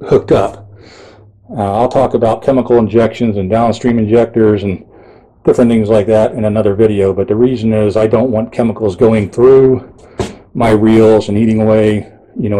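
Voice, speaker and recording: A man with a low, very dark voice gives a casual walkthrough of his equipment. He talks plainly and unhurriedly, with plenty of ums and you-knows, while filming first-person inside a trailer on a handheld camera mic. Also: rough recording. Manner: plain, unhurried explaining with fillers. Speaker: pressure washing business owner.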